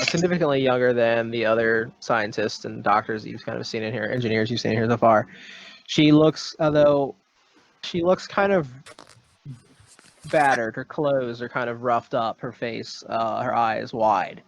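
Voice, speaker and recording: A man's voice: medium pitch, gravelly. A man running a tabletop horror game as game master, narrating in a hesitant, rambling way full of ums, on a dull lo-fi recording.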